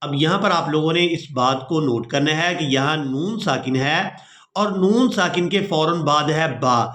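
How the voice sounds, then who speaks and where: A man teaching Quran recitation, explaining each rule briskly and spelling out letters one by one. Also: fairly high pitch, fairly bright tone. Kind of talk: step-by-step recitation lesson. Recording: echoey room.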